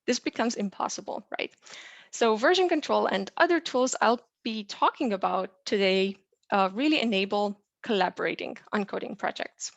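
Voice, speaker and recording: A young adult Romanian woman, a software engineer, teaches a lesson as a tutorial, explaining clearly but often saying "uh" and "um." Her pitch sits in the middle, and there is no room sound.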